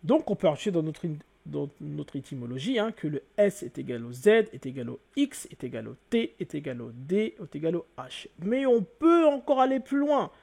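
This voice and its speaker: A man's voice: on the high side, sing-song, moderate pace, vocal fry, hardly any pauses, dark tone, slightly rough. A man giving an informal spoken lesson on word origins, explaining step by step and often repeating himself with fillers like "donc" and "hein". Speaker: self-taught etymology teacher.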